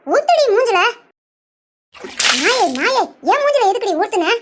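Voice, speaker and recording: A woman voicing a sharp-tongued village woman in a cartoon, scolding and name-calling. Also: very high voice, lively intonation, a little slow, background noise. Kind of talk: cartoon voice acting.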